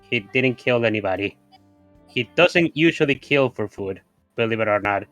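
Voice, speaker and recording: A man playing a tabletop game, chatting casually in a halting way and repeating words as he starts, with music behind. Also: mid-range voice, animated, a bit bright, no echo. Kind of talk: casual role-play chat. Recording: background music.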